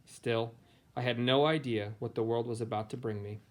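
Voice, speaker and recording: Here the American teacher and read-aloud host keeps a steady tone at normal speed, his voice medium in pitch, as he casually introduces a picture book. There is slight background noise.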